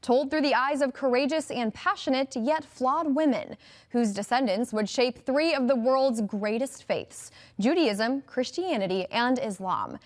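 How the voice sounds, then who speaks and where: Female TV anchor, slightly high-pitched, brisk and upbeat scripted delivery. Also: lively intonation. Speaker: news anchor. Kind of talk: scripted news reading.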